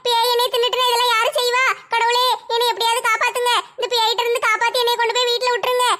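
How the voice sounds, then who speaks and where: A woman's voice: extremely high pitch, completely flat delivery, rapid-fire, bright, forceful tone. Woman doing a jittery rambling village wife. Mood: frightened. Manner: rambling frightened complaining. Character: fearful chatty village woman, mother of two.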